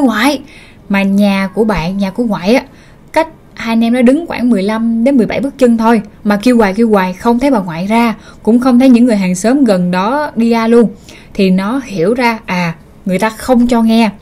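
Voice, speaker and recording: A woman's voice: mid-range voice, darkish tone. A woman narrating a ghost story in a casual, conversational way, as the channel's host. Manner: chatty, conversational, with spoken asides.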